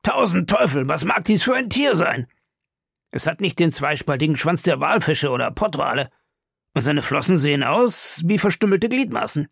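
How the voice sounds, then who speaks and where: A man voicing an eager, blunt male harpooner who exclaims excitedly in an audiobook reading. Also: on the high side, moderate pace, creaky, husky, dry recording, studio quality, voice pushed up, exaggerated voice.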